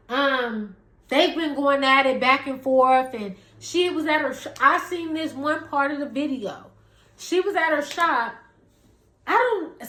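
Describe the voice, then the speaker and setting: A woman's voice: high voice, fairly bright tone, echoey room. A woman podcast host, casually recounting gossip in a chatty way, hedging as she retells an argument.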